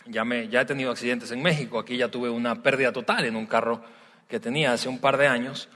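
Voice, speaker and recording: A man from Venezuela, preaching a sermon in a relaxed, storytelling way, often pausing with hesitations. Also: mid-range voice. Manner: warm, conversational storytelling with frequent hesitations. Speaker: pastor. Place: large church hall. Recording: long hall reverb from a large church.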